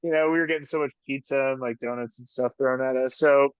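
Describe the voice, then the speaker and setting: A man chats loosely in an interview, circling his point with lots of fillers and quick laughs. The sound is dry and a little dull, like a video call. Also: mid-range voice, steady tone, smooth, no echo. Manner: rambling, filler-heavy, frequent "like", laughs often. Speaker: ski patroller and union officer. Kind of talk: casual interview chat.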